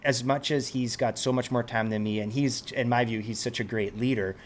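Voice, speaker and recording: A Swiss helicopter pilot is interviewed in a casual conversation, reflecting on things and frequently restarting sentences as he searches for words. His voice is medium-pitched and steady at normal speed, with slight background noise.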